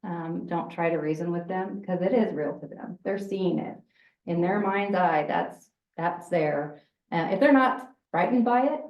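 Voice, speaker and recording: Leading a laid-back workshop, this woman talks loudly and easily in a lower voice, laughing frequently. The audio is slightly dull and echoey, as though she's a bit far from the microphone.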